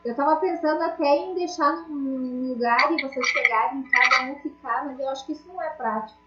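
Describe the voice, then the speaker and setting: A high-pitched woman teaches an online class, chatty and full of small jokes as she talks straight to her students. Her voice comes through a dull, lo-fi call with a roomy echo. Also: brisk, pushed and bright, slight background noise. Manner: chatty, jokey, addresses students directly.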